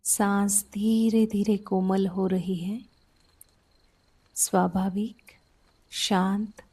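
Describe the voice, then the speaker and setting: A husky, mid-range female voice guides a sleep meditation softly and without hurry, breaking her words into short, soothing phrases separated by pauses.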